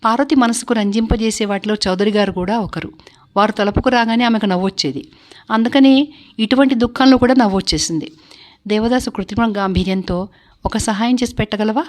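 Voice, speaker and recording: Woman storyteller, steady measured novel reading. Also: medium pitch.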